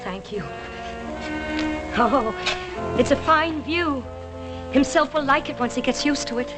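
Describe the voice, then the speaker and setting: An actress playing a feisty, proud and warm-hearted Irish frontier woman in a TV western, with outspoken, lilting, folksy speech. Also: sits high, a little slow, music in the background. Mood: warm, fussing. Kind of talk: 1960s TV western acting.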